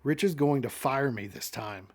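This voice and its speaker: A man's voice: mid-range voice, normal speed, natural voice. A man reading the lines of a flustered woman running late for work, muttering in a frazzled way.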